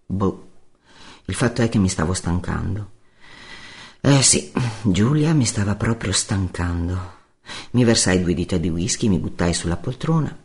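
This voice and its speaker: A man's voice: lowish voice, darkish tone. A man narrating a first-person novel as an audiobook, in a wry, laconic storytelling manner.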